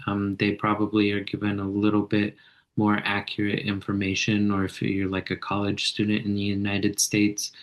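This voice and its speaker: Low, flat-voiced man in his thirties. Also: moderate pace, dull audio. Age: 30s. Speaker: student. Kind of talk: online class discussion.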